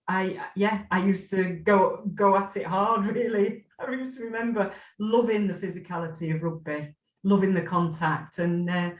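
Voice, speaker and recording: In a reverberant space, a mid-range-voiced woman from Scotland reminisces as an interview guest. She's in her forties, a former player, warm and reflective, with many fillers and restarts in this casual interview.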